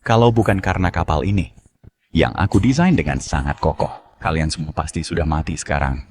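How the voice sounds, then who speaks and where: A man's voice: a bass voice, brisk, darkish tone, slight background noise. A man dubbing an arrogant ship designer who speaks smugly and scornfully. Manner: smug, scornful. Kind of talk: dubbed drama acting.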